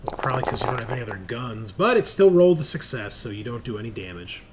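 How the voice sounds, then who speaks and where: Very animated and quick, this medium-pitched game master casually referees a tabletop game, swearing and reasoning out loud as he goes. Music plays constantly beneath him, and the background is noisy.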